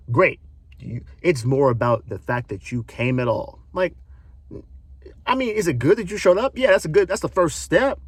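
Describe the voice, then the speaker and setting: Man, 30s, slightly husky and animated delivery, casual emphatic monologue host. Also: on the high side, no echo. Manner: casual, emphatic, repeats and restarts phrases. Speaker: video host. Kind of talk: unscripted opinion monologue.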